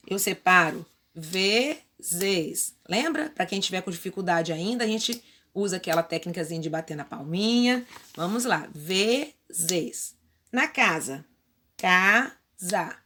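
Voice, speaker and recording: A woman's voice: on the low side, lively intonation, moderate pace, a bit bright. A female primary school teacher from Brazil patiently going through workbook exercises step by step in a remote lesson. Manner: patient, explains step by step with diminutives.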